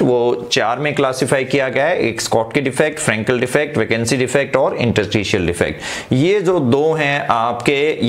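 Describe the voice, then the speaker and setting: A man teaching chemistry. He mixes English terms into Hindi, often checks in with his students and dictates headings slowly. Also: mid-range voice. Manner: slows right down to dictate headings. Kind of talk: online class lecture.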